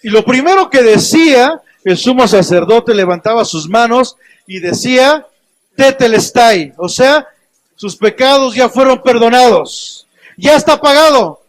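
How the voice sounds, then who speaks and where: A man's voice: very high voice, animated, measured pace, no echo. A man preaching a conversational sermon with a Mexican Spanish accent, often asking his listeners questions. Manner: conversational, asks the congregation questions.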